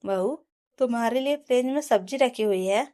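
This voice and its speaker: A woman voicing a stern, scheming middle-aged mother-in-law who talks in a taunting, bossy way, raised a little above her own pitch. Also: moderate pace, mellow, natural voice. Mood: scolding.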